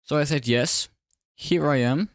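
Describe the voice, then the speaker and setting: A man speaking with braces that make his S sounds slightly off, chatting casually and commentating on a livestream in a low-key, dryly sarcastic way. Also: measured pace, dry recording, studio quality. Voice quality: slightly slurred, odd S sounds from new braces. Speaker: livestreamer and sim racing commentator.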